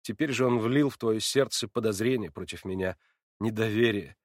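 A man reading aloud, voicing a heartbroken young woman who speaks slowly and wearily. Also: on the low side, no echo, clean studio sound, natural voice. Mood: sorrowful. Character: sorrowful young woman, quiet and reproachful.

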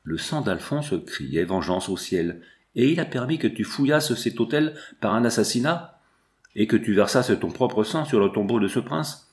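A man's voice: fairly low pitch, lively intonation, normal speed. A man voicing a stern older friar who solemnly denounces a tyrant. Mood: denouncing.

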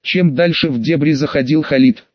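A man reading an adventure novel aloud as an audiobook narrator, in an even storytelling delivery, on a dull lo-fi recording. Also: fairly high pitch, moderate pace, dry recording.

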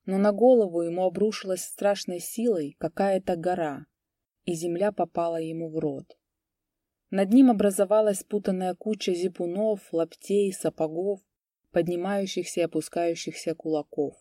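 Low, mellow woman narrating a story. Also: steady tone, no room sound, clean studio sound. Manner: measured, dramatic storytelling. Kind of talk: scripted audiobook narration.

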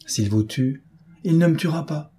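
A proud gentleman thief, all mockery and self-assurance, as a male audiobook reader puts him on. The voice sits noticeably higher than the reader's own and lands hard, with a husky, mellow grain. Forceful storybook delivery. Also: expressive, moderate pace. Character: defiant proud gentleman thief, adult man. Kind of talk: audiobook character reading.

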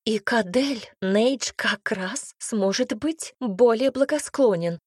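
A woman's voice: a little high, slow, darkish tone, slightly rough, dry recording, clean studio sound. A woman voicing a worried woman singer in an audiobook, sighing and pleading. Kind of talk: audiobook character reading.

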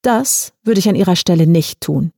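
A woman voicing a suave, polite man who calmly threatens his victim, in an audiobook short story. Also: fairly low pitch, no echo, studio quality. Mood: calm menace. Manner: smooth, unhurried, quietly threatening. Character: suave menacing male blackmailer, calm and polite. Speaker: audiobook reader.

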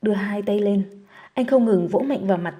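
A woman narrating a novel audiobook in a steady, measured reading style. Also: mid-range voice.

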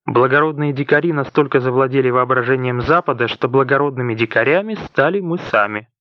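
Male audiobook narrator, mid-pitched, deliberate scripted read; dull, dry recording. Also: no echo. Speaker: audiobook reader.

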